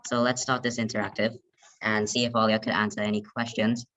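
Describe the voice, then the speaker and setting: A man leading an online group lesson over a video call, hesitant and halting, often restarting his sentences. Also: on the low side, flat delivery, sharp tone, a little hiss or hum. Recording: muffled video call audio.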